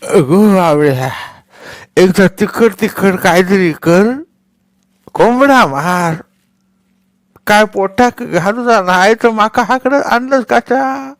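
A man voicing a blind, deaf old woman who loudly and slowly whines, demanding spicy food. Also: no room sound, clean studio sound. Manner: high, loud, slow, rustic demanding whine.

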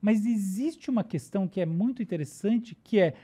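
Brazilian woman, neuroscientist guest, mellow tone, casual explainer who keeps checking in with the listener. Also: medium pitch, animated, normal speed, breathy edge. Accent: Brazilian Portuguese.

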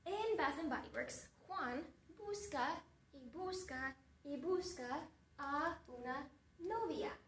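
Slow high-voiced woman teaching a class. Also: expressive, reverberant, distant mic, a little hiss or hum. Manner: slow and deliberate, asking the class questions and recapping. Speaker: Spanish teacher. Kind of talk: slow storytelling lesson for a class.

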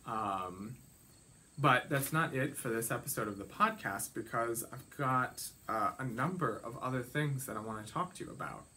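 A man hosting his own podcast, chatting casually in a gentle, rambling way with many ums and restarts, his throat a little froggy. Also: mid-range voice, moderate pace, slight background noise. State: slight frog in throat. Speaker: podcast host. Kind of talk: casual solo podcast chat about knitting and sewing.

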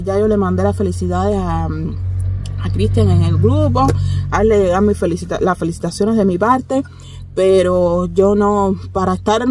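A woman's voice: mid-range voice, a little hiss or hum. A Cuban woman in her thirties with a Cuban Spanish accent, telling a story to her phone camera from the back seat of a car. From Cuba. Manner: chatty, animated, laughs often. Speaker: vlogger. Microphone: phone held at arm's length.

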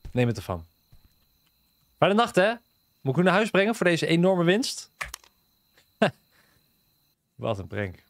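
A man's voice: on the high side, very animated, unhurried, pauses often, no room sound. Guy doing a chill let's play, voice jumps all over, cracking jokes at the npcs. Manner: joking, chats with and teases game characters. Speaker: gaming video host. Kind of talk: casual let's-play commentary.

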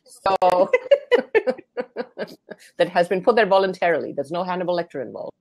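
A woman's voice: lowish voice, normal speed, a little mellow. A woman hosting a casual live video chat, bubbly and laughing often as she talks. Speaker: host.

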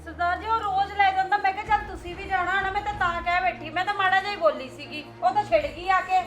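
A woman plays a boastful elder sister-in-law with a Punjabi accent who taunts and brags in a high voice. Soft music plays behind her. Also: fairly even intonation, brisk, a faint crowd. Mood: complaining. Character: proud older sister-in-law, sharp-tongued housewife. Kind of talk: family drama acting.

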